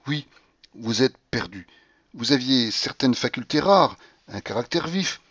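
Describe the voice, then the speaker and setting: A grave, earnest English gentleman who lectures in a solemn, steady way, read by a man. His voice sits in a middling register. The recording is close and dry, with a slightly muffled top end. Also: medium pitch, a little slow, slightly rough, no echo. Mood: reproachful.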